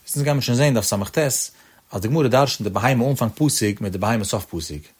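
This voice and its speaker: A man's voice: medium pitch, quick pace, husky. A male Talmud teacher walks through a passage in the lilting, chant-like cadence of traditional study. His voice sits in a middling register. Each phrase climbs and then drops away. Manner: sing-song study cadence, rising and dropping on each phrase.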